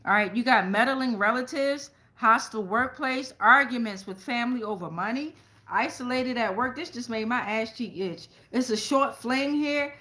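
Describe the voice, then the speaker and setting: Bright and forceful, her voice fairly high-pitched, this American tarot reader and show host runs a casual reading for her viewers. Her style is blunt and slangy, with plenty of free swearing.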